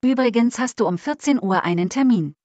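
An actress playing a self-willed female android assistant who talks in a calm, smooth, assured way. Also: on the high side, brisk, no echo, dull audio. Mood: cool, assured.

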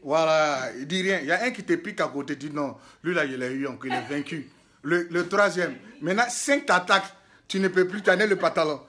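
A man's voice: fairly high pitch, brisk, pushed and bright, a little hiss or hum. A man, a prophet filming a casual video diary in a hotel room on a handheld phone, telling stories animatedly with laughs and exclamations. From Côte d'Ivoire. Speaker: prophet and spiritual guide.

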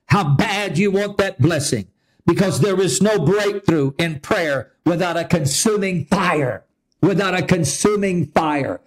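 A man preaching a sermon as pastor, emphatic and repetitive in his delivery. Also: sits high.

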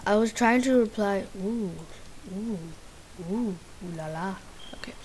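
A woman hosting a game channel, giving chatty let's play commentary that swings between muttered asides and sudden excited squeals. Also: mid-range voice, a little slow, a little hiss or hum, low-quality recording. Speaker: gaming channel host.

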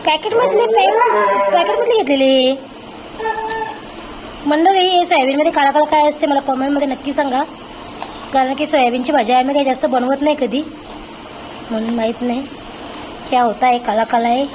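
High-voiced woman scolding her pet. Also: moderate pace, long pauses, darkish tone, slight background noise. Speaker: vlogger. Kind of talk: casual home vlog. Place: home kitchen.

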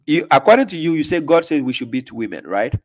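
A man's voice: on the high side, very animated, quick pace, darkish tone. A man hosting a live call-in religious debate stream, pressing his caller with repeated questions. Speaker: livestream host. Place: small room indoors.

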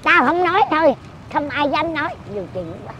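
A woman's voice: high voice, sing-song, fairly quick, a bit bright, a little hiss or hum. A woman in her eighties chatting casually outdoors, blunt and teasing as she scolds the person she talks with. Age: 80s. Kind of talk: casual chat.

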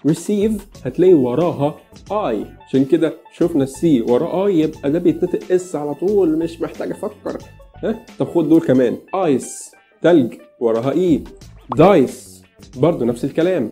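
Fast-talking Egyptian man teaching pronunciation. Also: on the high side, mellow. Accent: Egyptian Arabic. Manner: joking, chatty, talks straight to the viewer. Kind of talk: casual explanatory lesson.

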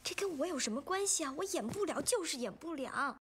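A stubborn young newcomer actress in a film drama. Her voice sits high and she talks with defiant insistence. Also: expressive, fairly quick, slight background noise. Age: young adult.

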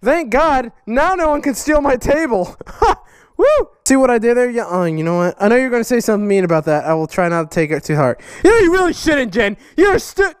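A woman hosting a casual vlog, opening fan mail excitedly, swearing and laughing a lot. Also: a little high, fast, few pauses, smooth, no echo, clean studio sound. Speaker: motovlogger host.

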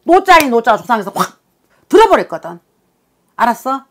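A woman's voice: a little high, sing-song, moderate pace. A woman shaman giving a blunt, scolding consultation, swearing and bursting into emphatic outbursts. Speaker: shaman fortune-teller.

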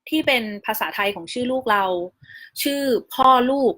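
A woman, a new mother, narrating a casual vlog voice-over in a chatty, polite way, calmly explaining practical details step by step. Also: high voice, normal speed. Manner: chatty and polite, often ending phrases with soft polite particles. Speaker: new mother sharing her hospital stay.

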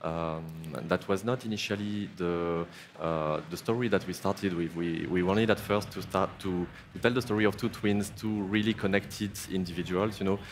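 Deep-voiced man. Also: steady tone, a little hiss or hum. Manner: careful, with many "uh" pauses. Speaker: game director panelist. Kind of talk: live stage panel discussion. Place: large indoor event stage. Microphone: headset mic.

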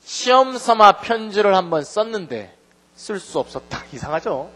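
A man teaching grammar as a lecture, animated and firing questions at the class. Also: high voice, moderate pace, big-room sound. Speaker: English teacher.

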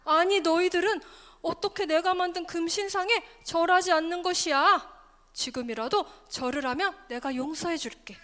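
Woman putting on a loud, commanding angry king. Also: sits high, a little fast, few pauses. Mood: threatening. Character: proud furious male ancient king. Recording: echoey hall with faint music.

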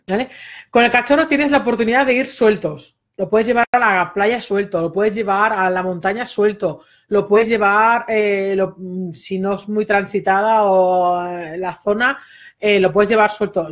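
A woman, a dog trainer giving a casual spoken lesson, chatty, with many fillers and quick asides. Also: mid-range voice.

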